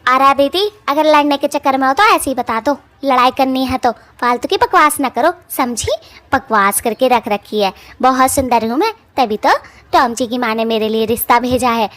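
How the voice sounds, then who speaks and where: A woman's voice: fairly high pitch, steady tone, normal speed, no echo, lightly acted. A woman doing a brash bald cartoon witch. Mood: boastful, defiant. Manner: mouthy village taunting speech, whiny when scared. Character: brash, boastful bald female witch, quarrelsome. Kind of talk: cartoon voice acting.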